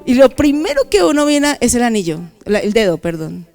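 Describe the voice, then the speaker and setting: Woman, middle-aged, testimony sermon, animated storytelling, higher voice. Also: a little fast, faint music behind. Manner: animated storytelling, acting out dialogue. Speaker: speaker at church convention.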